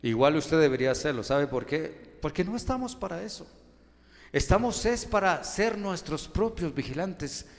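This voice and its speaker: Colombian man, pastor, fairly high-pitched, preaching in a ringing church hall with rhetorical questions and swells of volume. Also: expressive, normal speed. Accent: Colombian Spanish. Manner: emphatic preaching with many rhetorical questions, loudness rising and falling. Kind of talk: sermon. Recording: long church hall reverb.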